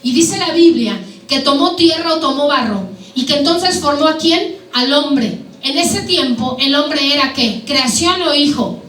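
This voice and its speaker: High-voiced woman preaching a sermon. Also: lively intonation, measured pace, fairly bright tone. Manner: rhetorical questions to the congregation. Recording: echoey hall, mic at a distance, faint background noise.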